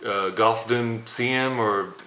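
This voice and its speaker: A man's voice: medium pitch, sharp tone. Subdued young man in a roomy echo. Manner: subdued, halting, many fillers. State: downcast after a loss. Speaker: sports show co-host. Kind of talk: casual sports talk. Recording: roomy echo, faint background noise.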